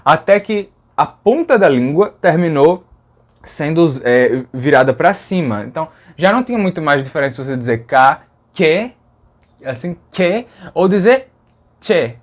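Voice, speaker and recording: A language educator teaches an explanatory video lesson in a high-leaning, lively voice, speaking a little slowly and pausing often. He keeps it conversational, often tagging on "né?" as a filler and sounding out speech examples aloud.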